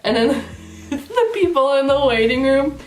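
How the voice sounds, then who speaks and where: Young female vlogger, slightly high voice, laughs through a chatty storytime, echoey room with faint music. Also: measured pace. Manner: giggly, laughs through the story, heavy use of "like"; acts out other people's lines in animated voices. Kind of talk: casual storytime while getting ready.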